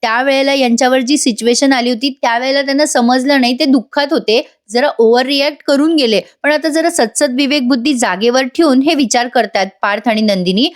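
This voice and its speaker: Woman, chatty voice-over review, talks to viewers directly, fairly high voice. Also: a little fast, few pauses. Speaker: TV serial reviewer.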